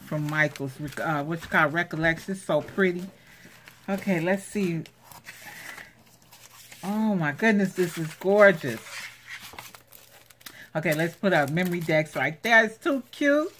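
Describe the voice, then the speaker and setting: A woman's voice: fairly low pitch, measured pace, long pauses, a little hiss or hum. A woman hosting a craft unboxing vlog at home, gushing and exclaiming over each item. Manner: gushing, excitable, repeats exclamations. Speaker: craft channel host. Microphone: handheld camera.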